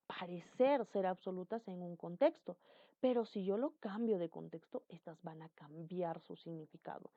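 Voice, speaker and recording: A woman teaching a lesson, animated, her voice jumping up in pitch and loudness when she stresses a point or acts out an example. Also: no room sound. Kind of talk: explaining a grammar lesson. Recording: dry, phone-like narrow sound.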